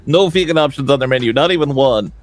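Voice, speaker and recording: A man's voice: medium pitch, lively intonation, quick pace, faint music behind. A young man in a game role-play, playing a protester who questions people like a pushy interviewer.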